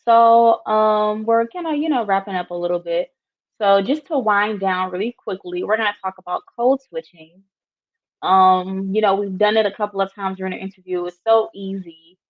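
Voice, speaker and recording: A woman hosting a casual talk show, upbeat and quick to laugh. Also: medium pitch. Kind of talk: casual chat. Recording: dull lo-fi audio.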